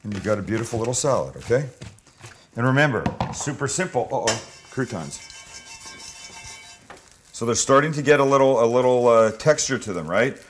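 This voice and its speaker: A man's voice: mid-range voice, lively intonation, moderate pace, long pauses. A man talking viewers through a dish like a cooking show host, chatty, informal and opinionated. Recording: clear background noise with kitchen clatter.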